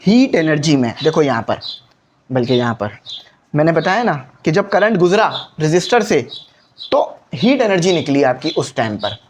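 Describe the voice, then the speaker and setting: A man teaches physics for an entrance exam, his voice rising and falling in a lively way. He breaks each idea into small steps and keeps asking quiz questions. He repeats the main points so they stick. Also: fairly high pitch, moderate pace, slight background noise. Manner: explains step by step, repeats key points, asks quiz questions. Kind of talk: exam-prep lecture.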